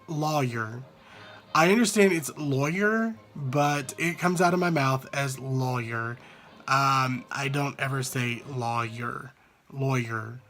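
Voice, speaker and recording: A man from the American South with a Southern accent, chatting casually and unscripted into a handheld phone, rambling a little and sounding out words deliberately. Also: medium pitch, a bit bright. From Southern United States. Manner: repeats single words slowly to demonstrate pronunciation, rambling. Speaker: vlogger answering an accent challenge. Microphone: handheld phone at arm's length.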